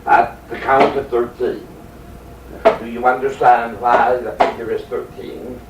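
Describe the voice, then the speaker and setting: A medium voicing a calm, solemn spirit teacher. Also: male voice, mid-range voice, lightly acted. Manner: measured, instructive, solemn. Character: calm male spirit teacher guiding a sitter. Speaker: seance spirit guide. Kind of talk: seance trance teaching. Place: dark seance room. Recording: distant, echoey, hissy cassette.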